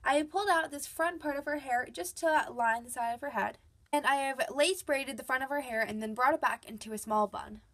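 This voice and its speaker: This is a young woman with a cold presenting her dolls' outfits in a scripted voice-over for her doll collector vlog. She speaks fairly quickly in a high-pitched, fairly bright voice, keeping things chatty and upbeat.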